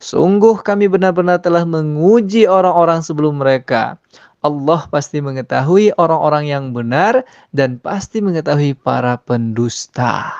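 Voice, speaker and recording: A man delivers religious commentary in a preachy tone, often turning to his listeners and chanting verses slowly. His delivery breaks into mocking laughter now and then. The recording is dry and a little dull. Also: fairly high pitch, clear, resonant tone, no room sound.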